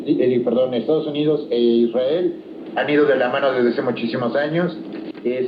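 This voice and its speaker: A man analysing the news in a radio interview, speaking with many hesitant filler sounds, heard over fading shortwave radio. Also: mid-range voice. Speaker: political analyst guest. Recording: muffled, roomy, noisy shortwave broadcast.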